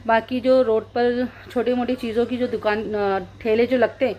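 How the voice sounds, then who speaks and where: A woman from talking casually through her day as a vlogger, chatty and lively around children. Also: a little high, moderate pace, lo-fi sound. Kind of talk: casual vlog narration. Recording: phone recording with street noise.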